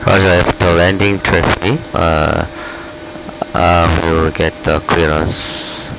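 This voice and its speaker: A deep, gravelly man with a Korean accent speaks as an airline pilot into a cockpit headset. He rattles off clipped radio readbacks at high speed, with a few hesitations along the way. A loud, steady hiss sits under his voice. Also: measured pace. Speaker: virtual airline pilot on a flight-sim network. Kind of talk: radio readbacks to air traffic control.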